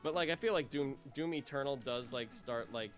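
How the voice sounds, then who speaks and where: A man's voice: mid-range voice, moderate pace, faint music behind. A man co-hosting a casual gaming podcast, rambling with many restarts and fillers. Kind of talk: casual chat.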